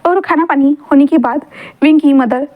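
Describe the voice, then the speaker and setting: A woman's voice: high voice, normal speed, narrow, tinny audio. A woman casually narrating a fan-fiction story, chatty and informal with fillers.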